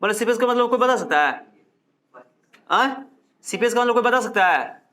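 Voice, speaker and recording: A man's voice: extremely high pitch, animated, normal speed, bright, forceful tone. A male physics teacher lecturing a classroom, repeating key terms and firing questions at his students.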